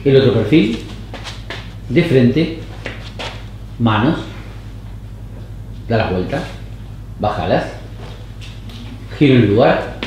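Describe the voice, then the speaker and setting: A man directing actors on a casting tape with short, calm, even commands. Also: medium pitch, slow pace, pauses often, slight background noise. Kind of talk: giving short camera directions. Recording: roomy echoey studio.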